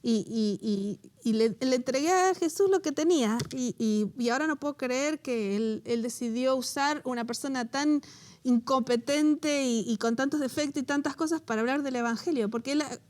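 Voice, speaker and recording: On a Bible study show she co-hosts, a Latin American woman gives a chatty, animated teaching, laughing readily. Her voice sits on the high side. Telling a personal story, she grows emotional.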